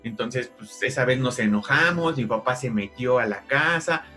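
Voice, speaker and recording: Young Mexican man, lively storyteller, faint music under the voice. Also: moderate pace. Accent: Mexican Spanish. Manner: animated, jumps high when quoting relatives. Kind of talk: casual storytelling chat.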